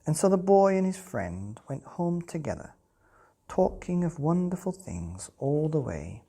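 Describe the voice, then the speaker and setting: A storyteller reading a children's bedtime picture book aloud to young listeners, with a husky, breathy voice. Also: medium pitch, big pitch swings, measured pace, dark tone. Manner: addresses children directly with questions. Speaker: bedtime story podcast reader.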